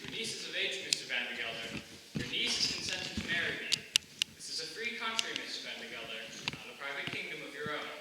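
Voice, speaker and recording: A man's voice: on the high side, sing-song, fast talker. Teen boy playing a defiant young artist suitor. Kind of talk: school stage play. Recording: echoey hall from far off, noisy.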